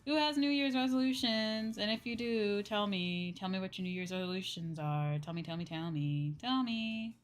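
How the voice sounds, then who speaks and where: A woman hosting a livestream chats casually over background music, speaking hesitantly and often repeating her phrases. Her medium-pitched voice moves at normal speed with hardly any pauses.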